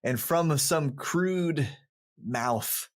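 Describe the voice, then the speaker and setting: A man's voice: a little high, extremely slow. Rambling, laughing game master man. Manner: rambling descriptive narration with many fillers; laughs often between descriptions. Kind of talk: narrating a tabletop game.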